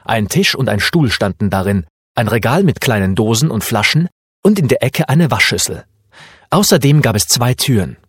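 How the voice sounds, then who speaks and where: A man narrating a children's story as an audiobook in a lively storytelling manner. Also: mid-range voice, normal speed, husky, no room sound, clean studio sound.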